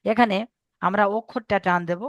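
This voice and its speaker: A man's voice: high-pitched, fairly even intonation, normal speed, dry recording, dull audio. A man teaching Arabic letter reading in an online class, patiently repeating each point and quizzing his students over a video call.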